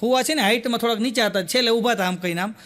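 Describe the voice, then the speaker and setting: A man's voice: very high voice, very fast, a bit bright. A man tells one comic story after another. He acts out the characters' lines and chuckles at his own punchlines. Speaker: comedian. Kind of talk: stand-up joke telling.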